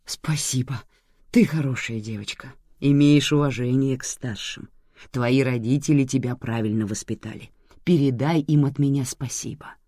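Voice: medium pitch, sing-song, unhurried, a little mellow, husky, dry recording, clean studio sound, voice pushed up. Reader putting on a confused fatherly old man. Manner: bewildered, pleading, raises voice in exclamations.

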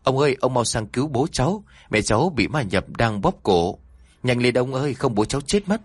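A man's voice: fairly low pitch, big pitch swings, moderate pace, husky, no room sound. A man voicing a young boy who cries and pleads in panic for help for his father. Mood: panicked. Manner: pleading, tearful.

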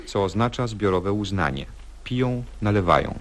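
A man narrating a radio comedy sketch, reading its stage directions in a dry, deadpan manner. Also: on the low side, normal speed, heavy background noise.

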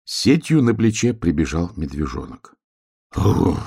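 A man reading a children's tale aloud, expressive and hushed at quiet moments. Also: low-pitched, normal speed, slightly rough. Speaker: storyteller.

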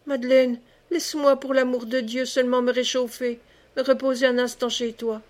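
A woman voicing an exhausted peasant mother who pleads softly for shelter, in a storybook reading. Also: high voice, little pitch movement, normal speed, lightly acted. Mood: pleading. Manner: hushed, weary pleading.

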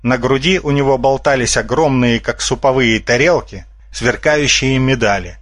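A man narrating a humorous children's audiobook in a steady storytelling manner. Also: medium pitch, normal speed, no echo.

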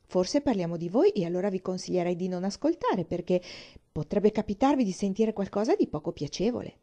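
A woman's voice: mid-range voice, lively intonation, brisk, dark tone, highs cut off, lightly acted. A woman reading aloud and voicing a gushing, theatrical young woman in an audiobook. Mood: effusive.

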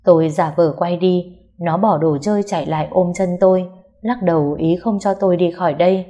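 A woman narrating a first-person story in a soft, sorrowful reading voice. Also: on the low side, a little fast, highs cut off. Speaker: audiobook narrator.

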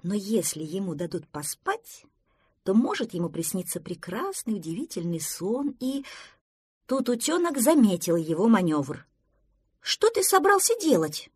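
A woman reading a children's story aloud in an expressive, animated way. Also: mid-range voice, normal speed, breathy edge, no room sound, studio quality.

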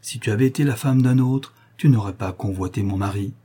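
A calm, indignant wife who lectures with firm reproach, as a man reading a novel puts her on. His dark, husky voice lifts a little for her lines. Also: fairly low pitch, brisk. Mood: reproachful. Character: composed indignant married woman.

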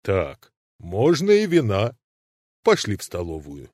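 Man voicing a huge sleepy good-natured man, sighing and grumbling, lively swooping pitch, dry close sound. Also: takes it slowly, no echo, exaggerated voice. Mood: musing. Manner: sighing, grumbling, swinging between low and high. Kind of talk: audiobook reading of classic prose.

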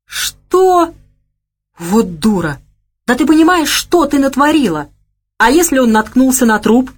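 A woman voicing a boastful, quick-tempered gangster man in an audiobook. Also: medium pitch, lively intonation, lightly acted. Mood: gruff. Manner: gruff, boastful, blustering.

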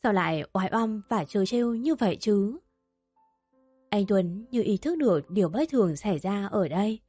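A woman narrates a melodramatic family story with steady, emotive delivery at a middle pitch. The sound is dry and close, with soft music running faintly underneath. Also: normal speed, breathy edge, no echo.

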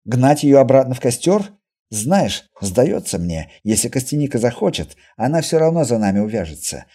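A man's voice: mid-range voice, very animated, normal speed, dark tone. A man voicing a level-headed male merchant in an audiobook, speaking firmly and reasonably. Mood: reasoning.

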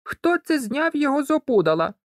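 A reader voicing a fussy, excitable farm girl in a storybook, shrill and fretful. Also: normal speed, dry recording, studio quality, natural voice.

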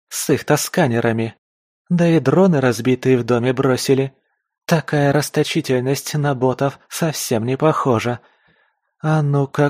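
A man's voice: mid-range voice, a little mellow, no echo, studio quality, voice pushed up, natural voice. Man doing a tough cursing scavenger woman. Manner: muttering to herself, gruff, cursing. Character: tough wounded young woman scavenger, swearing.

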